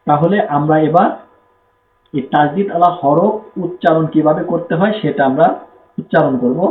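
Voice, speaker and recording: A man with a Bangladeshi Bengali accent teaching Quran reading, slowly repeating rules and asking and answering his own questions. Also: fairly high pitch. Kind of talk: step-by-step lesson with spelled-out drills. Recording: echoey room, tinny phone-like sound, faint noise.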